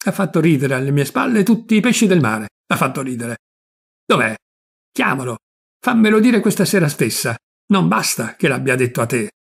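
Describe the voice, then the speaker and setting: Grumpy old uncle, blustering, gravelly, husky, voiced by a man. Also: a little high, sing-song, normal speed, exaggerated voice. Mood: irritated. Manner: blustering, shouting in bursts. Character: gruff old uncle, irritable fisherman, bluster.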